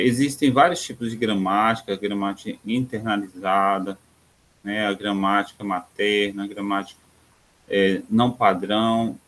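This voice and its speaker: A Brazilian man giving a recorded grammar lesson, pausing often on fillers and spelling out example words slowly. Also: fairly low pitch, a bit bright. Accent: Brazilian Portuguese. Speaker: teacher.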